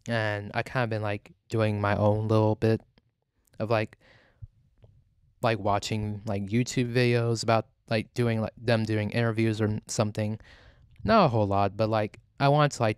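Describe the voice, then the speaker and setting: A man hosting a casual gossip podcast, rambling and halting, with "like" peppered through his sentences. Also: on the low side, clean tone, no echo, studio quality. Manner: rambling, halting, heavy use of "like". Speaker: podcast host. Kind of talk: casual celebrity gossip talk.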